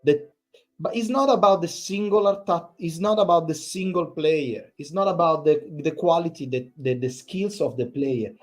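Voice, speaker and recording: A man's voice: a little high, moderate pace. A man, hosting a fan channel, giving an exasperated, repetitive post-match rant full of swearing.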